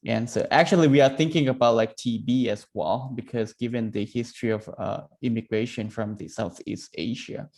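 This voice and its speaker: A man's voice: medium pitch, normal speed, hardly any pauses, darkish tone. A man presenting a medical case on a video call, hesitant, with many fillers. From Thailand.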